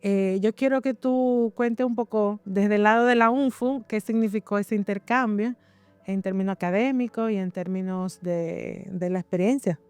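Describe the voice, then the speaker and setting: A woman's voice: mid-range voice, moderate pace, darkish tone, clean tone, no echo, faint music behind. A woman instructor, talking conversationally and often searching for words as she explains academic work. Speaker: university instructor.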